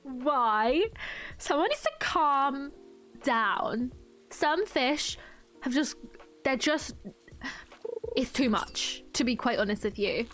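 A woman's voice: high-pitched, lively intonation, slow, long pauses, a bit bright, soft background music. A young woman streaming a video game, chatting casually and breaking into frequent giggles and squeals. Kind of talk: casual gameplay commentary.

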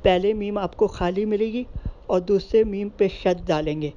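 A man with a mellow, darker voice gives a patient tajweed lesson, addressing his viewers directly. He drags out each example word he recites. The recording is dull and lo-fi, with a faint hiss underneath. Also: high-pitched. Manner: slowly draws out recited example words. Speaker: Quran reading teacher.

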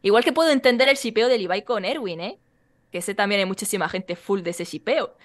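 A woman's voice: mid-range voice, brisk. A woman who is a podcast guest, talking in casual chat and turning down ideas in a blunt, teasing way.

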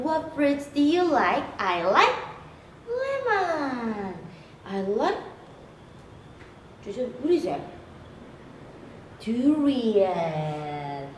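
Korean-accented woman as kids' English teacher, very lively high voice, roomy echo. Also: drawn-out words, long pauses, a little hiss or hum. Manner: exaggerated, sing-song, full of gasps and cheers. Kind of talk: playful lesson for small children.

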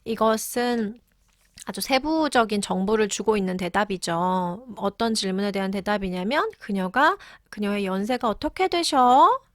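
A woman teaching English, patiently explaining and repeating key words slowly. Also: medium pitch, fairly bright tone, dry recording, clean studio sound. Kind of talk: explaining English lessons in Korean.

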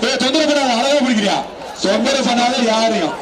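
Male Tamil Nadu event marshal, commanding, very high-pitched, repeated orders, amplified from afar, loud crowd behind. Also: fairly quick. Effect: amplified over a public address system. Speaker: jallikattu event marshal and announcer. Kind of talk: live event instructions and commentary. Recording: echoey outdoor loudspeaker, distant, loud crowd. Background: loud crowd at outdoor arena.

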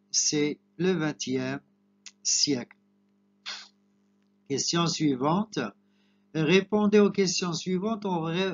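A man with a Moroccan accent teaching an exam preparation lesson, explaining slowly and glossing words in Arabic. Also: on the high side, lo-fi sound. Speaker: French teacher.

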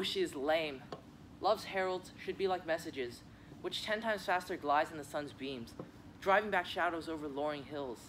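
A man's voice: fairly high pitch, a bit bright, a little hiss or hum, close to an everyday voice, poor audio. A teenage boy playing an eager, impatient young girl in love in a school Shakespeare reading, pleading and restless. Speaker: student actor.

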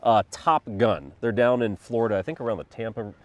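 A man's voice: lowish voice, brisk, dry recording. A man in his thirties co-hosting a gun review, talking casually with lots of fillers, a little under the weather with a cough. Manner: rambling, filler-heavy, thinks aloud. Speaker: co-host of a firearms review channel.

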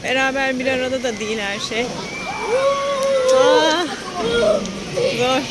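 A woman's voice: high voice, steady tone, fast. A woman chatting casually to her viewers as she narrates a visit to an amusement park. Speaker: vlogger. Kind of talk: casual vlog chat, narrating as she goes. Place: amusement park, moving around among rides. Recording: busy amusement park crowd, loud music. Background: loud music and crowd noise.

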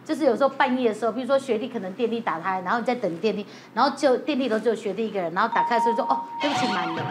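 Woman host, high, lively pitch, music and crowd noise in a busy studio. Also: rapid-fire. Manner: reacts expressively to guests' stories. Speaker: talk show host. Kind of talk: TV talk show banter.

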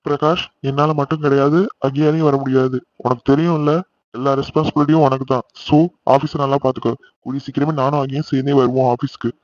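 A man's voice: mid-range voice, flat delivery, quick pace, no echo, highs cut off, close to an everyday voice. A man voicing a teasing young married man who runs an office, bantering and scolding in jest. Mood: businesslike. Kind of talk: cartoon voice acting.

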